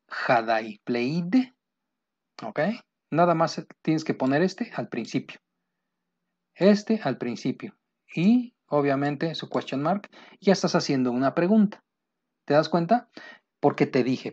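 Male teacher, slightly high voice, patient drill-style explanations, slightly muffled recording. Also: darkish tone. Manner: repeats and drills examples, asks rhetorical questions. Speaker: English teacher. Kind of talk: classroom grammar lesson.

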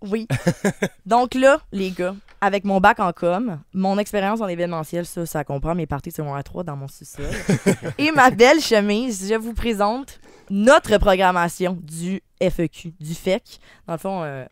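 A young woman with a Québécois French accent, co-hosting a radio show in playful, excited chat, joking and stammering through fillers. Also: medium pitch, measured pace, clean tone, dry recording. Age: young adult. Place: radio studio.

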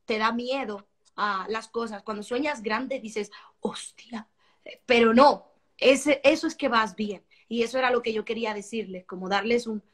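A woman singer talking about her album in a casual interview, animated and expressive, often repeating words as she searches for them. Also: fairly high pitch, moderate pace. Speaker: singer-songwriter guest.

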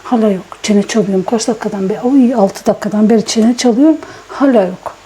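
A woman chatting casually to her viewers at home in a daily vlog, ill with a swollen sore throat and talking softly. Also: mid-range voice, fast, slight background noise. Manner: chatty, rambling, talks softly. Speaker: vlogger. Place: at home, indoors. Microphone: small vlogging microphone.

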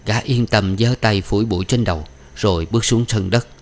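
A man narrating a novel as an audiobook reader, in a steady, even storytelling manner. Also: fairly low pitch, a little fast.

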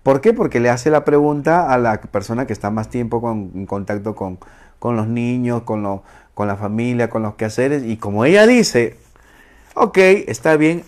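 A man hosts an online show, chatting casually to a female audience. He's playful and teasing, laughs often and acts out phrases. His voice is on the low side and a little mellow.

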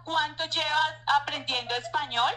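A woman chatting on a phone call as a language partner, asking quick questions and paying compliments. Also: sits high, steady tone, pushed and bright. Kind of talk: casual phone chat.

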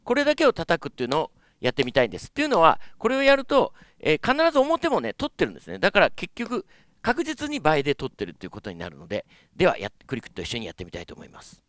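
Lively polite male vocal coach. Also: fairly high pitch, quick pace, no echo, studio quality. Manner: polite explaining with many fillers. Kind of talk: instructional lesson.

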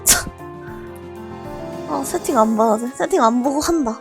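A woman streaming a game live, scolding and laughing at her viewers in a loud, shouty way. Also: high-pitched, animated, measured pace, gravelly, faint music behind.

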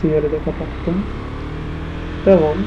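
Outdoors on a moving motorcycle, a vlogger speaks unhurriedly with fairly even intonation and a voice on the high side, chatting casually and commenting on the traffic. His helmet mic muffles him under loud wind, engine and traffic noise.

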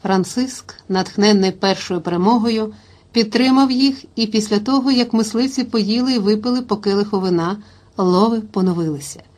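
A woman reading a historical novel aloud as an audiobook narrator, in steady, even storytelling. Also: mid-range voice, normal speed.

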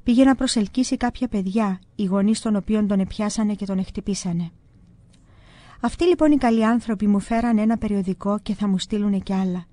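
A woman calmly reading a religious book aloud in the first person, in scripted narration. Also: mid-range voice, dry recording. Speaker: audiobook reader.

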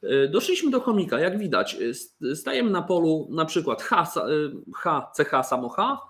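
A toy company presenter casually shows off board games, joking around and often restarting his sentences with fillers. His voice is on the high side, very animated and fairly bright, at a moderate pace.

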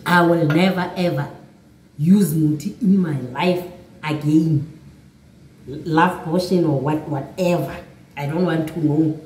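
A woman's voice: lowish voice, mellow, slight background noise. A woman telling a personal story on her vlog, chatty and often calling out to her viewers. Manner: chatty, repeats "guys" often. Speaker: vlogger. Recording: echoey room, mic at a distance.

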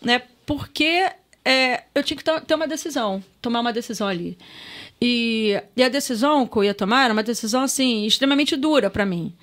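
Middle-aged carioca woman, high voice, chatty and emotional, swears casually on a podcast. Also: fairly quick. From Rio de Janeiro, Brazil. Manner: lively, emotional storyteller who swears casually. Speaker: guest. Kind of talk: casual storytelling in a podcast chat.

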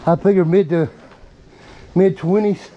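Excited fishing man by a lake. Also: high voice, a little slow, lo-fi sound, noisy background. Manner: excited, talks to camera while handling fish. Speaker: fishing vlogger. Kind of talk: casual on-camera narration. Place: lakeside outdoors.

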